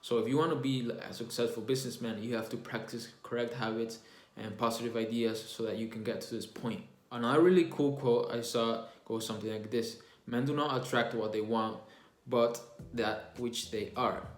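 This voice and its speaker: A man's voice: mid-range voice, steady tone, normal speed. A young man gives a casual, earnest book review, restarting phrases now and then as he reflects. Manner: earnest, plainspoken, with frequent restarts and self-reflection. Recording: echoey room with faint music underneath.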